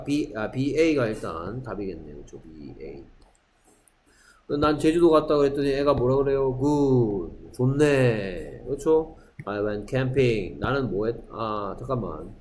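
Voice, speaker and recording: Man, English teacher, slow deliberate reading of example lines, frequent check-ins, faint background hiss. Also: medium pitch, a little mellow. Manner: reads English lines slowly and deliberately, keeps checking in with "그렇죠?". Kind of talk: classroom lesson explaining a textbook dialogue.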